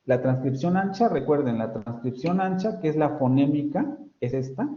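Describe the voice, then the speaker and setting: A man's voice: a little high, animated, normal speed, dark tone. A man with a Mexican Spanish accent, a university professor giving an online phonetics lecture, explaining patiently and correcting himself often. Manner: explanatory, self-correcting, frequent fillers. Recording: roomy, dull lo-fi audio.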